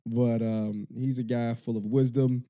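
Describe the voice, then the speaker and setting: A man co-hosting a casual podcast, talking earnestly and haltingly, with lots of fillers and restarts. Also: mid-range voice, little pitch movement, dark tone. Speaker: podcast co-host.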